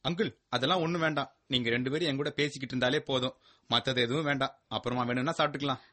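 A man playing a fast-talking, sulky young student. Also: mid-range voice, fairly even intonation, sharp tone. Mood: earnest. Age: young adult. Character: lonely, sulky young college student son. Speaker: student son.

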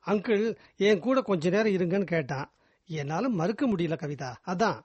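An actor playing a kind, patient family driver and husband, speaking softly and gently with a husky voice. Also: male voice, high-pitched, moderate pace, dry recording. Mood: gentle.

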